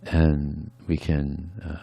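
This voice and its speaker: A man's voice: a bass voice, little pitch movement, takes it slowly, gravelly, mellow, no echo. A man giving a conversational devotional sermon, often adding "yeah" between points. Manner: conversational, frequent "yeah" asides. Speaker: speaker at a temple.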